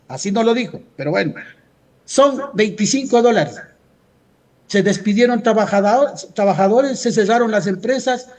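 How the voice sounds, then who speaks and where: A man with an Ecuadorian accent and a very high-pitched voice, giving an argumentative interview as a labour leader. He speaks insistently, driving points home with rhetorical questions that he answers himself. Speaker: trade union leader being interviewed. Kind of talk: radio interview, argumentative commentary.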